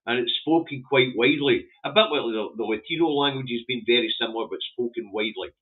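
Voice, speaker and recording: Running through the day's newspaper front pages, a Scottish vlogger talks quickly in a mid-range voice. He's blunt, sweary and rambling, giving casual opinions in a broad accent, with Scots as his first language. Everything comes through muffled, narrow-band and phone-like.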